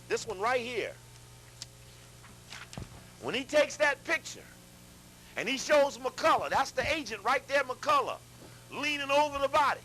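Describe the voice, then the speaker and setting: Guy giving a fired-up talk to a crowd, high bright voice, faint hum behind. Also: poor audio. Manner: animated, addresses audience directly, repeats and restarts. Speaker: lecturer. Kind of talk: lecture to a live audience.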